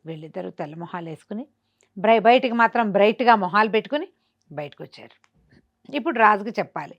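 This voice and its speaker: This storyteller, a woman with a Telugu accent, relates a folk tale casually and animates its characters' dialogue. Her mid-range voice moves at a quick pace with lively intonation, though the audio sounds dull.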